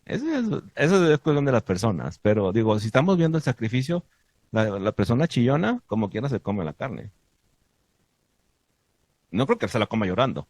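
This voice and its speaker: A man giving a sermon to his congregation, asking the listeners many questions and stressing points with lively emphasis. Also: mid-range voice, normal speed, no room sound. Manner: asks the audience many questions. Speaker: teacher of a congregation.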